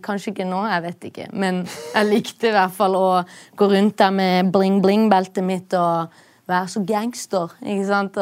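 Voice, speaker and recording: A young woman in casual chat, telling a story in a playful, chatty way with quick asides. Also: medium pitch. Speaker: guest musician.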